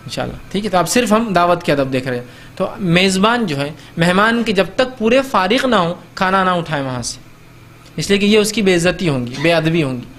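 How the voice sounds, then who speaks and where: A man's voice: on the high side, fairly bright tone, slight background noise. A man giving a religious lecture on etiquette, talking conversationally, acting out little host-and-guest exchanges and often checking in with his listeners.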